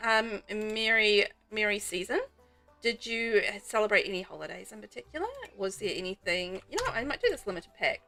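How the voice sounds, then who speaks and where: A woman with a New Zealand accent and a slightly high, sharp-toned voice chats with viewers during a game stream. Her casual talk rambles as she plays.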